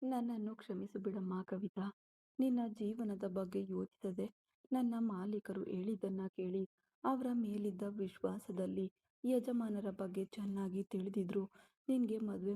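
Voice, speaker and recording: A woman voicing a grieving elderly father who begs his daughter's forgiveness, read softly in a storybook style. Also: mid-range voice, husky.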